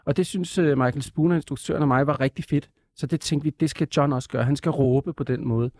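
Animated man with a slightly high voice. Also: dry recording. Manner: animated, stammering restarts. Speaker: TV presenter as guest. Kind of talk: casual interview chat.

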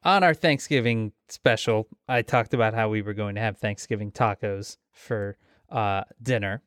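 A man co-hosting a podcast in casual chat, animated and exclamatory. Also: lowish voice, moderate pace, clear, resonant tone, dry recording, clean studio sound. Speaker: podcast co-host.

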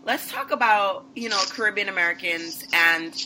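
A woman's voice: mid-range voice, normal speed, sharp tone, a little hiss or hum, poor audio. A woman hosting a podcast, enthusiastic, with loose phrasing and restarts. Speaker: podcast host. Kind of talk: casual conversation.

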